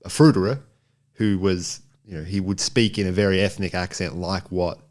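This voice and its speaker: A film podcast co-host with a low voice speaks at normal speed in a steady tone. His banter is casual, rambling and jokey, and he often repeats a phrase to drive his point home.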